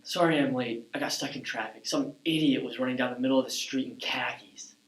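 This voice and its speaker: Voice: mid-range voice, fairly even intonation, a little fast, far from the mic, lightly acted. A performer playing a cocky, boyish flying hero who talks in a casual, offhand way. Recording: echoey room, off-mic.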